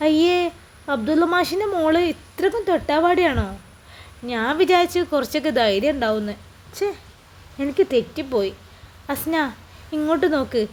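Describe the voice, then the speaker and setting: A woman's voice: high-pitched, animated, moderate pace, pauses often. A woman voicing a young husband who coaxes and teases his new wife affectionately in a read-aloud story. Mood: tender teasing. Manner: coaxing, affectionate. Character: young husband, tender and teasing.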